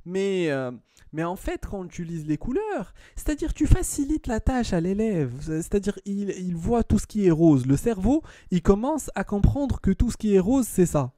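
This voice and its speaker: A male math tutor working one-on-one with a student. He is patient, repeats words and checks her understanding often. His voice is mellow and fairly high, in a dry, close sound. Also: big pitch swings, moderate pace, dry recording.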